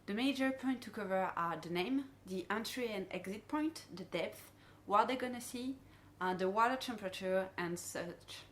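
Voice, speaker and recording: Speaking at a normal speed with hardly any pauses, a French-accented woman delivers an instructional dive safety briefing directly to divers. Her medium-pitched voice is a bit bright and her English phrasing non-native, and a little hiss or hum runs through the recording.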